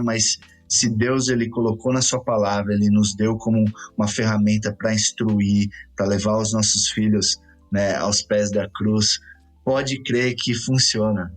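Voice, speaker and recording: Low-voiced reflective Brazilian man. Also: level tone, measured pace, soft background music. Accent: Brazilian Portuguese. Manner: reflective, frequent "né" tags. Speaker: pastor and podcast host. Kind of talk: casual chat.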